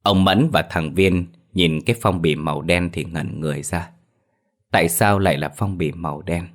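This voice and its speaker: A man narrating a horror story in a steady, ominous way. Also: sits low, moderate pace.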